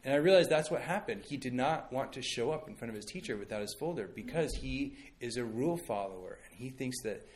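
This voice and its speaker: A man's voice: mid-range voice, expressive, brisk, hardly any pauses. A man in his thirties, a pastor giving a conversational sermon and telling stories with many fillers and restarts.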